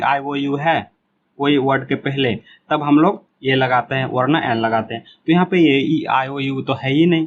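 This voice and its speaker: Patient male teacher explaining grammar slowly. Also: mid-range voice, highs cut off, a little hiss or hum. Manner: patient, repeats words slowly, asks and answers his own questions. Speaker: English teacher. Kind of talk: classroom lesson explaining grammar.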